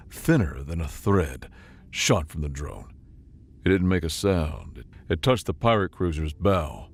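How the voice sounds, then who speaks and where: A man narrating a sci-fi story in an expressive, dramatic audiobook style. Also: deep voice.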